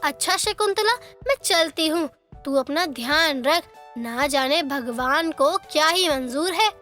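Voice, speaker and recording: A woman voicing a nosy, taunting old neighbor woman in her sixties in an animated story. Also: sits high, measured pace, faint music behind, exaggerated voice. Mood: scolding. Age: 60s. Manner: scolding, taunting.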